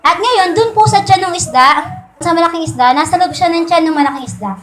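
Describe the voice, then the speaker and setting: A woman's voice: extremely high pitch, a little fast, fairly bright tone, a little hiss or hum. A woman preaching as she retells a Bible story in a casual way, politely asking her listeners questions again and again.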